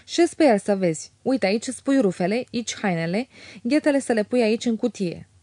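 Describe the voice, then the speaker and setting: A woman's voice: on the high side, lively intonation, warm tone, dry recording, studio quality. A woman voicing a surly, coarse old servant woman who snaps and quarrels. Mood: snappish. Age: older. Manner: snapping, quarrelsome.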